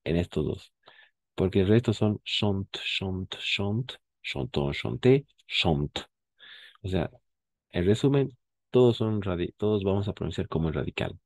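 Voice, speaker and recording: A man's voice: low voice, a little mellow, no echo. A man teaching a French class, patiently explaining and repeating key words and checking that students follow. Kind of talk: live language class explanation.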